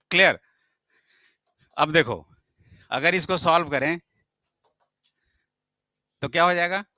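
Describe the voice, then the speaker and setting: A man's voice: fairly high pitch, bright, forceful tone, dry recording. A male math teacher, lecturing a classroom and firing questions at his students, sometimes scolding them.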